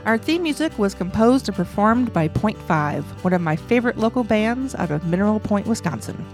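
A woman hosting a radio show, reading scripted narration in a clear, measured way. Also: mid-range voice, expressive, darkish tone, soft background music. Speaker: radio host.

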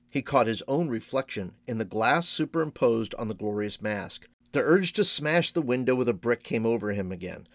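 Guy reading a story out loud, voice all over the place in a good way, super dry close mic. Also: mid-range voice, dry recording. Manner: expressive, measured storytelling. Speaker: reader. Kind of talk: storybook read-aloud.

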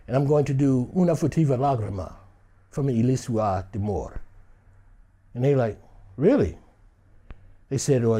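Being interviewed, this man tells an animated anecdote in a loose, conversational style, scattering "you know" fillers and acting out the other people in the story. His voice is mellow and medium-pitched.

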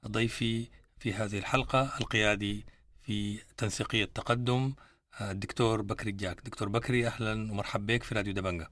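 A man's voice: lowish voice, steady tone, fast talker, a bit bright, no room sound, clean studio sound. A man with a Sudanese accent hosting a radio news interview. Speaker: radio programme host.

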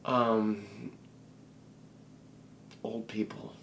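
A man's voice: on the low side, little pitch movement, very slow, fairly bright tone, a little hiss or hum. A man co-hosting a podcast in casual chat, ranting and swearing with mock anger. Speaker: podcast co-host.

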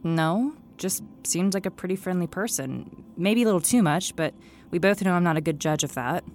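A woman's voice: fairly low pitch, lively intonation, moderate pace, a little mellow, faint music behind, lightly acted. An actress playing a tough, protective young woman with a wry way of talking, in an audio drama.

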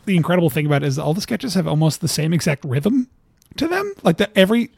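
A man's voice: on the high side, sing-song, fast talker, gravelly, darkish tone, breathy edge, dry recording. A man talking casually as an interview guest, rambling with lots of fillers and laughing at his own stories. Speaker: cartoonist guest.

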